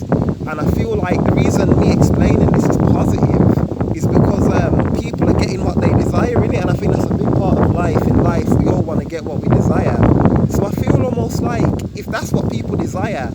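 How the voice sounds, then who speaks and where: A man giving an informal, repetitive explanation to camera, often tagging phrases with a slangy address. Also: high voice. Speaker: video tutorial presenter. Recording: loud outdoor ambient noise.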